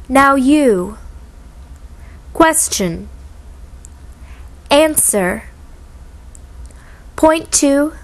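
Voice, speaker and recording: A woman reading classroom instructions aloud in English, slowly and clearly, pausing after each phrase. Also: high-pitched. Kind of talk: slow model reading of classroom commands.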